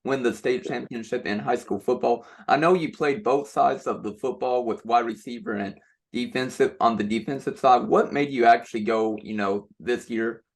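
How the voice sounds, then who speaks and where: A man's voice: mid-range voice, moderate pace. A man conducting a casual sports interview as the interviewer, asking conversational questions.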